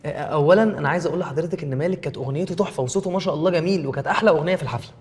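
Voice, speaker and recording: An actor playing an anxious young husband in a TV comedy, speaking with an Egyptian Arabic accent in a flustered, exasperated way. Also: male voice, a little high, rapid-fire, darkish tone, faint music behind, close to an everyday voice. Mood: awkwardly polite. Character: frazzled young husband, anxious and quick to panic. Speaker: software engineer husband. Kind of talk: TV comedy series acting.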